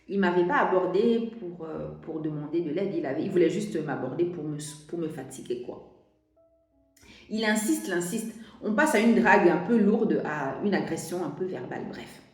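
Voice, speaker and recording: A woman's voice: mid-range voice, darkish tone. A young French woman telling a personal story to camera, hesitant, with many restarts and fillers. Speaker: vlogger. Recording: very echoey room.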